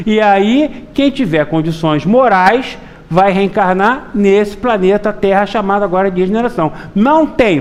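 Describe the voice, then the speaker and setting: A middle-aged man giving a Spiritist public lecture, telling folksy stories and often asking the audience to agree. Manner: lively storytelling with wide pitch swings.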